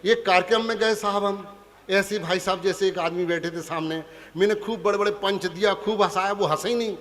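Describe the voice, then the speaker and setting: A man's voice: sits high, steady tone, brisk, a bit bright, big-room sound. A man with a Punjabi accent, a comic poet on stage, teasing and chatting with a live audience. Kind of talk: stand-up comic poetry recital. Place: large hall before a live audience.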